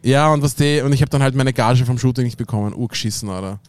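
A man's voice: medium pitch, fast, a little mellow, dry recording. A young man with an Austrian German accent, rambling through an anecdote in casual slang with lots of fillers. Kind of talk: casual chat.

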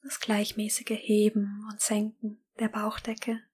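A woman whispering a slow, calm guided meditation. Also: mid-range voice, slightly rough.

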